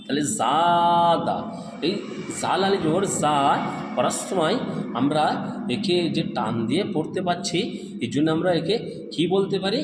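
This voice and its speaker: Teaching Quran letter reading step by step, a man with a voice on the high side speaks expressively at a moderate pace, leaving long pauses. He asks questions and answers them himself, singing out drawn-out syllables, in an echoey room with long reverb and background noise.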